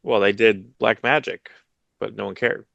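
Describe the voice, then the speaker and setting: This comics podcast co-host, a man in his thirties, talks at a normal speed with fairly even intonation, vocal fry, and a fairly bright tone. He's at home on a headset in a video call, rambling low-key about comics news with lots of restarts. The recording is muffled, with no room sound.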